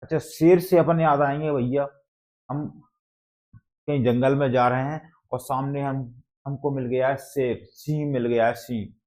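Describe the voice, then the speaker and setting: A man's voice: medium pitch, fairly even intonation, unhurried, a little mellow. A male teacher, explaining exam facts through memory tricks and asking the class questions again and again. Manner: repetitive, call-and-response questioning. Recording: dull lo-fi sound.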